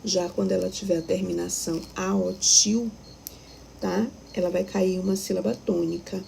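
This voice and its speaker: A woman's voice: fairly low pitch, fairly even intonation, moderate pace, gravelly, dark tone, slight background noise, rough recording. A Brazilian woman teaching a recorded primary school lesson, patiently explaining step by step and checking that the children follow. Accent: Brazilian Portuguese.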